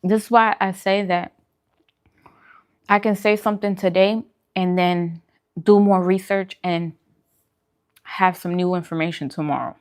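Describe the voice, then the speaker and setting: This woman's voice sits on the low side, clear and resonant, with a steady tone. She speaks a little slowly, with long pauses. Hosting a vegan mukbang, she casually answers livestream viewers, giving emphatic, opinionated food advice and repeating phrases for emphasis.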